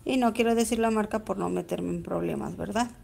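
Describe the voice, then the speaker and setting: A woman's voice: medium pitch, a little fast, vocal fry, a little mellow, slight background noise. A woman with a Mexican accent gives a chatty live-stream embroidery lesson, greeting viewers by name as she stitches. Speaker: embroidery teacher.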